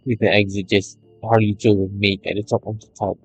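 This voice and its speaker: A man reads a video game's story aloud, stumbling over lines and re-reading phrases, and drops in casual commentary as he plays. His voice is lowish, level, husky and fairly quick. The audio is poor, with faint music behind him.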